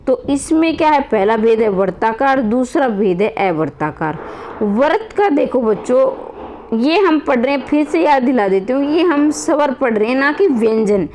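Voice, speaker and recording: A woman's voice: high-pitched, very animated, normal speed, darkish tone, a little hiss or hum. A woman teaching grammar to students in a classroom-style lesson, calling them children, repeating points and asking rhetorical questions.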